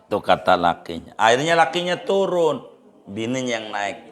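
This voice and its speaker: A man's voice: medium pitch, bright, forceful tone. A man preaching a sermon, telling a funny story and repeating phrases and rhetorical questions to the congregation. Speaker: Islamic preacher. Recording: roomy echo of a hall.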